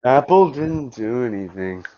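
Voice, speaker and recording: A man's voice: mid-range voice, lively intonation, measured pace, muffled recording. A man in casual online voice chat, talking in a laid-back, mumbling, dismissive way. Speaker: voice chat debater.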